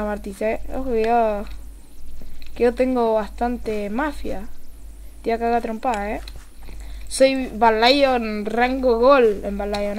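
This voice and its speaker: A young woman with an Argentine accent streams her gameplay live, her voice pitched high and bright. She talks excitably, drops low to mutter and then bursts into yells, and swears casually. A faint hiss sits under her voice. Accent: Argentine Spanish. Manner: excitable, swings from mutters to yelling.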